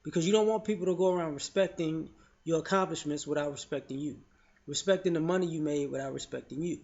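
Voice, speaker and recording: A vlogger shares frank, loose opinions in casual commentary, often saying "you know" and restarting sentences. His voice is fairly high, quick, gravelly and a little mellow, and the lo-fi audio sounds dull.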